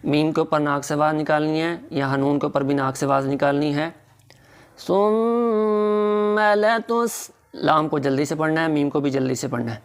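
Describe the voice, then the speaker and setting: Smooth-voiced male Quran recitation teacher. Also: fairly high pitch, little pitch movement. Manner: methodical, instructive. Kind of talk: tajweed lesson with slow recitation.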